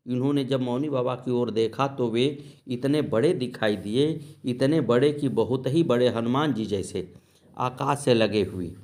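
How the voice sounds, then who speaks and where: A man telling devotional stories in a measured reading voice, softly murmuring short invocations between episodes. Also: mid-range voice. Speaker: devotional storyteller. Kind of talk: devotional story narration.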